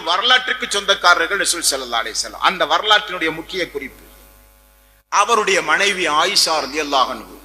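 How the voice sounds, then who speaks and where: A man delivers an Islamic sermon, pressing his points with repeated phrases and rhetorical questions. His voice sits high and sounds sharp and piercing. It carries a long reverb, as if spoken in a large hall. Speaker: preacher.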